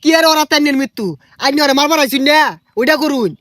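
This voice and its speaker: High-voiced man with grumbling banter. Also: fairly even intonation, fast talker, background noise. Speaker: comedy sketch actor. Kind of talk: comic sketch acting.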